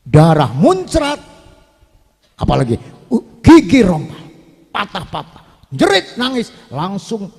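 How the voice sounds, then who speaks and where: A male preacher telling a story at a live religious gathering, high-pitched and wildly animated as he swings his voice up and down. He jokes and calls out to the crowd directly. A long hall reverb trails every phrase. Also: takes it slowly, creaky, pauses often, husky. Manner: animated, joking, addresses audience directly.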